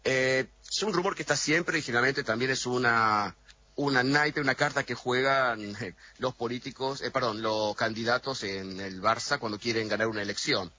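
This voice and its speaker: Man, middle-aged, radio guest, husky, muffled phone-style line. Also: mid-range voice, moderate pace, sharp tone, dry recording. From Argentina. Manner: thoughtful, explanatory, frequent hesitations. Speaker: interview guest. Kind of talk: radio interview over a remote line. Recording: dull, lo-fi remote line.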